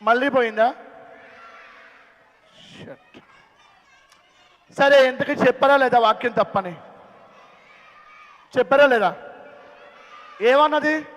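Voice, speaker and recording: Very high-voiced man hosting a kids' skit. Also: slow, pauses often, highs cut off, some chatter behind. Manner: animated, calling out questions to children. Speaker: skit host at a children's camp. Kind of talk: playful skit with a young audience. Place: large hall at a children's camp. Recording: long hall reverb.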